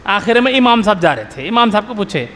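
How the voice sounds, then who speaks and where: A man's voice: high voice, big pitch swings, a little fast, pushed and bright, in a large hall, a little hiss or hum. A middle-aged man, a maulana, giving a religious workshop lecture to a live audience, telling everyday stories and often putting questions back to his listeners. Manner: quizzes the audience with repeated questions; storytelling with everyday examples. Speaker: Islamic scholar, maulana.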